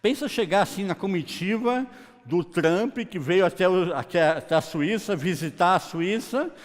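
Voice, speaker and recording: A male preacher, talking to his congregation in slangy, joking asides and acted-out Bible scenes. His voice sits a bit high and swings widely in pitch. A long church-hall reverb trails every phrase. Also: animated, moderate pace. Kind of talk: lively sermon.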